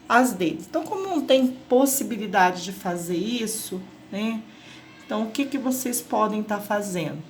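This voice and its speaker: A woman's voice: on the high side, a little hiss or hum. A Brazilian woman teacher with a patient manner, explaining a workbook lesson to children and checking in often. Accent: Brazilian Portuguese.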